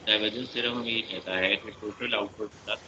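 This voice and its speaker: A male teacher giving a slow online lecture, quizzing his students while his voice breaks up and cuts out over the call connection. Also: fairly low pitch, fairly even intonation, noisy background. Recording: echoey, dull lo-fi call audio.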